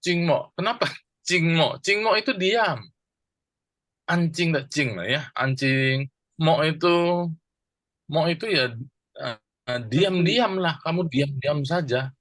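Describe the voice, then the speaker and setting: A man teaching a church Bible class at a slow, deliberate pace, breaking a verse down word by word. He poses questions and answers them himself. His voice is bright and forward, and the recording is dry and close. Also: on the high side, no echo. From Indonesia. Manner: slow and deliberate with many pauses. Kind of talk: teaching a Bible verse, mixing two languages.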